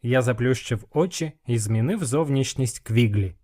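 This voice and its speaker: Measured male audiobook narrator. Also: mid-range voice, animated, warm tone. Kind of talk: scripted first-person narration.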